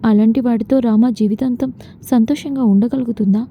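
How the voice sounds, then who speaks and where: A woman's voice: on the high side, fairly even intonation, normal speed, close to an everyday voice. A woman voicing a caring, anxious young woman who questions her friend. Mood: worried. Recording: dull lo-fi with faint noise.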